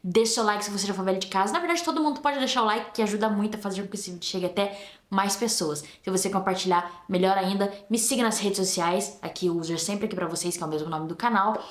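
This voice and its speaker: A woman's voice: medium pitch, quick pace. A woman with a Brazilian Portuguese accent hosts a casual book review vlog. She sounds tired and talks in a chatty, informal way, with asides and slang. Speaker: book reviewer and channel host. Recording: roomy echo.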